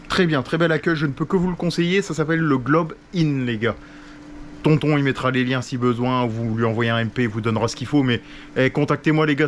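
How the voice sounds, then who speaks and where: A man's voice: mid-range voice, a little hiss or hum. Slangy French vlogger man in a hotel room. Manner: slangy, chatty, addresses viewers as "les gars" and "les loulous"; calls himself "le tonton" in the third person. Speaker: travel vlogger. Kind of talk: casual vlog chat to camera.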